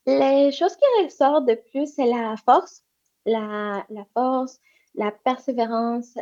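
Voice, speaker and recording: Slow and warm, her voice on the high side, a woman takes interview questions about women's entrepreneurship. As an economic development representative she speaks hesitantly, restarting often and using lots of fillers, in a muffled lo-fi recording.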